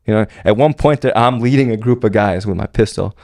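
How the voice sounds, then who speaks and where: A man with a low voice tells a story as a podcast guest, rambling and loose with slang. His voice is gravelly and heavy with fry. The sound is close and dry, with no room echo. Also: a little fast, darkish tone. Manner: slangy, rambling, full of "like" and "bro". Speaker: podcast guest recounting military service. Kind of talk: casual storytelling.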